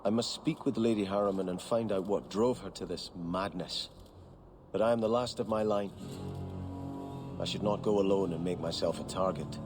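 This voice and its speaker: An actor playing a devout young nobleman in a game, speaking in an earnest, formal, measured way. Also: sits low, music in the background, lightly acted. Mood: solemn. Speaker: game character.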